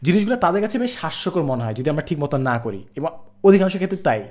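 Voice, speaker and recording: A man talks in a casual explainer style, a little higher pitched than most men. He slips English words in and out of his sentences. He says sample words aloud one by one to demonstrate their sounds. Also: big pitch swings, quick pace, a little mellow. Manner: mixes English words into Bangla. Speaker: vlogger.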